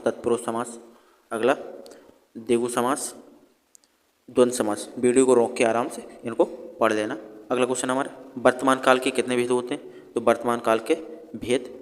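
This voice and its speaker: A man's voice: mid-range voice, long reverb tail. A man teaching an exam revision lesson, asking questions and answering them himself. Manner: explains by asking and answering his own questions.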